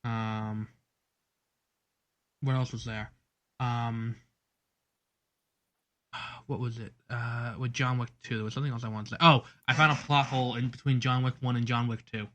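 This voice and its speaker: A man's voice: medium pitch, fairly even intonation, moderate pace, pauses often, bright, forceful tone. A man co-hosting a casual movie podcast, rambling with many ums and getting exasperated. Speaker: podcast co-host. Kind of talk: casual chat.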